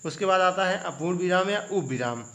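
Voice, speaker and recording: A man's voice: high-pitched, expressive, fairly quick, bright, forceful tone. A young male teacher giving an exam revision lecture, putting questions to the students and then answering them himself. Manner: asks students rhetorical check questions.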